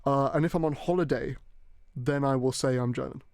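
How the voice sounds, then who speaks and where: A young man from Hong Kong hosting a casual podcast chat, telling animated stories and acting out the people he quotes. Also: mid-range voice, fairly quick, creaky, no room sound, studio quality. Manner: animated storyteller, acts out quoted voices. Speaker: podcast host.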